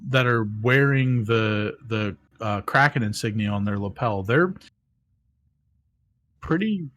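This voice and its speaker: Low-voiced man running a tabletop game. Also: takes it slowly, a bit bright. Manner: rambling, with many ums and restarts. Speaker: game master.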